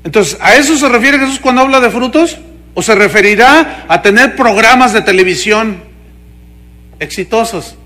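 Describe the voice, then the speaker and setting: A male pastor with a Mexican Spanish accent preaches a sermon with animated, mocking energy. He keeps turning questions on the congregation, his voice sitting high for a man. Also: normal speed.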